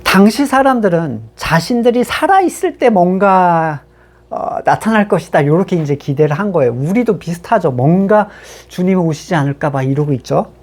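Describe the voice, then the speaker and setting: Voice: medium pitch, a little mellow. A pastor giving a sermon in a conversational way, reading scripture passages aloud and then explaining them with rhetorical questions to the congregation.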